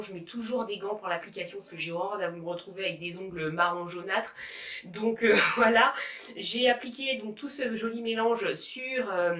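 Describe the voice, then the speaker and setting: A woman's voice: mid-range voice, a bit bright. A woman in her thirties talking casually at home about her haircare routine, often laughing and saying "euh", with her children sometimes heard playing. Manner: chatty, laughs often, many fillers. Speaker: beauty vlogger. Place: home room. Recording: echoey room. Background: children playing in the background.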